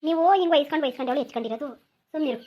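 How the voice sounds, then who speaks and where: A scheming cartoon village mother-in-law, as a woman voices her, nagging and repeating herself in a rural Mysore-region accent. She speaks high and rapid-fire. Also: highs cut off, close to an everyday voice. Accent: rural Mysore-region Kannada. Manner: nagging, insistent, repetitive.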